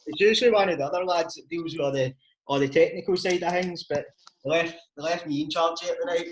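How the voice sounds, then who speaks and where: A man's voice: fairly high pitch, fast talker. A Scottish man interviewing in a casual, chummy and informal way, swearing now and then. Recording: clearly noisy background.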